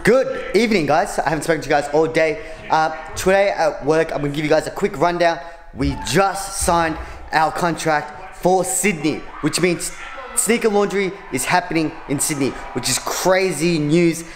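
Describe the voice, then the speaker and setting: Excited man giving a casual vlog update. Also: fairly high pitch, moderate pace, a little hiss or hum. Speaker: vlogger. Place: home, indoors. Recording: echoey room with music behind.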